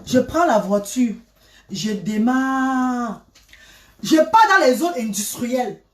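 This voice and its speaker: A woman's voice: on the high side, lively intonation, slow. Dramatic woman. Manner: dramatic, repetitive, swinging between loud and hushed. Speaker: storyteller. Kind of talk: emotional personal storytelling. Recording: roomy, from a distance.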